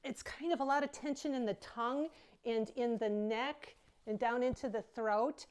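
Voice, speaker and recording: A woman choir director explains singing technique in a friendly, enthusiastic way. Her speaking voice sits on the higher side for a woman. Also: moderate pace, a little mellow, clean tone, no room sound. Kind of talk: vocal technique video lesson.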